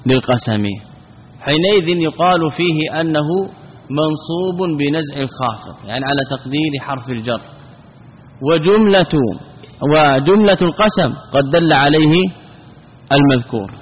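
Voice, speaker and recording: A man's voice: on the high side, slightly rough. A man teaching a classical grammar lesson, explaining step by step and often asking a question, then answering it himself. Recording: dull, lo-fi, with long reverb.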